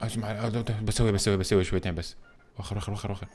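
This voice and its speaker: A man hosting a gameplay video, commenting in an animated, jokey way and exclaiming often. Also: on the low side, rapid-fire, loud music behind the voice. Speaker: gaming video host.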